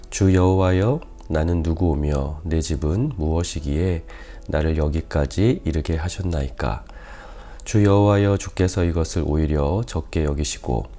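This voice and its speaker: Man, pastor, deep voice, warm tone, weak quiet voice, careful enunciation, hesitant "ah" pauses, dawn prayer service. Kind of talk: early-morning prayer sermon and scripture reading.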